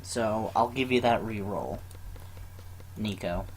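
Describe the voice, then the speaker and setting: A man's voice: lowish voice, takes it slowly, noisy background. A man running a tabletop game in casual chat, often hesitating and fumbling with numbers.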